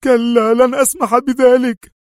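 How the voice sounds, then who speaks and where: A man's voice: flat delivery, moderate pace, no room sound, clean studio sound. A man voicing a tearful, pleading loyal friend. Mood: anguished. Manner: high, strained, crying out.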